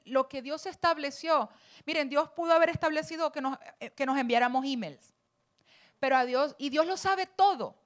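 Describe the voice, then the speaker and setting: A woman's voice: sits high, fairly bright tone. A woman preaching a passionate sermon, rising now and then to emphatic cries.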